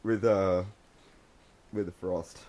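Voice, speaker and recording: A man's voice: sits low, slow, a little hiss or hum. A man and former police officer hosting a casual chat, telling stories with lots of energy and acting out other people's lines. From United States. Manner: animated storyteller, acts out voices in quotes.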